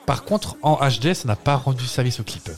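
A man's voice: medium pitch, animated, a little fast, faint music behind. A man co-hosting a podcast in casual chat, playful and joking, rambling from one aside to the next. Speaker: podcast co-host.

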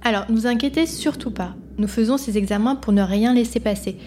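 A woman voicing a calm female doctor who talks in a light, soothing tone. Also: on the high side, a little fast, a little hiss or hum, lightly acted. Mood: reassuring.

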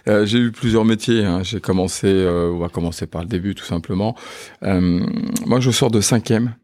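A man's voice: fairly low pitch, moderate pace, darkish tone. A man in his fifties, a funeral home manager, chatting in an interview with many hesitant filler sounds. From France. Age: 50s. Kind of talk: casual interview chat.

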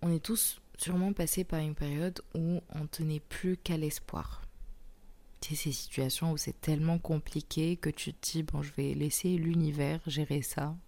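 Young woman, podcast host, low pitch, dark soft tone, sore swollen-tonsil throat, breathy near-whispers, intimate monologue. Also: steady tone, normal speed. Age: young adult.

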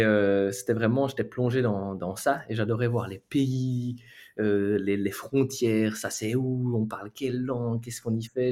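A young man with a Belgian French accent talks as a guest on a travel podcast. His voice sits at an ordinary middle pitch, and he speaks in an animated, casual way, often restarting his sentences. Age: 20s. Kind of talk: casual interview chat.

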